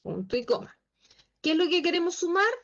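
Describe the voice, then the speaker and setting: Female instructor, high voice, patient step-by-step teaching, slightly muffled call audio. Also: very animated, fairly quick, fairly bright tone. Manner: patient, asks the class checking questions. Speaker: Excel instructor. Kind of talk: online class teaching. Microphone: video call.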